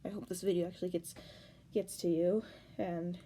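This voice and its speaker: A woman talking to camera while upset and crying, halting, repeating herself and sighing. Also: on the low side, little pitch movement, warm tone, slight background noise. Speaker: vlogger. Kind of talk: tearful personal reaction vlog.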